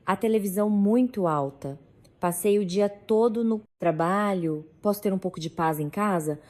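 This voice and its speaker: A woman's voice: mid-range voice, normal speed, darkish tone, close to an everyday voice. A woman narrator voicing an irritable, tired husband in a short curt complaint. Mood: irritated. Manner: curt, grumbling.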